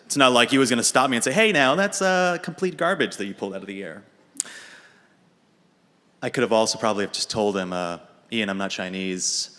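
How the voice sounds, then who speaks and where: A young American man telling a dry, deadpan comic story about himself on a radio show. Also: fairly low pitch. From United States. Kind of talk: humorous personal monologue. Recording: reverberant hall.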